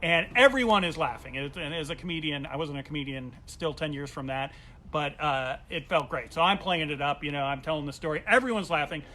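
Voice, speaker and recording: At home during quarantine, a male comedian with a fairly high voice tells a funny personal story a little fast. He is animated and acts out the voices of the people he quotes, and there's a little hiss or hum in the background.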